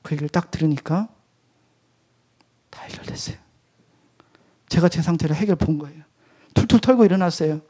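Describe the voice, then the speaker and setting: A male pastor and missionary giving a testimony at an evening church service, swinging between loud outbursts and hushed whispers. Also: on the high side, quick pace, husky. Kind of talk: sermon testimony.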